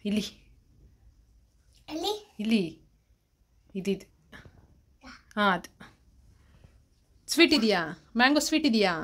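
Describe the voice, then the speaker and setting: A woman's voice: medium pitch, animated, takes it slowly, pauses often. A woman speaking with a Kannada accent, coaxing and bargaining with a toddler at home in sing-song baby talk. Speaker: vlogger parent.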